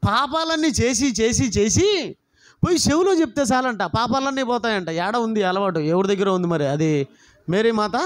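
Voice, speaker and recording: A man preaching a sermon as a pastor, passionate and full of rhetorical questions put straight to the listeners. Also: high voice. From Andhra Pradesh, India. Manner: impassioned, rhetorical questions, addresses listeners directly.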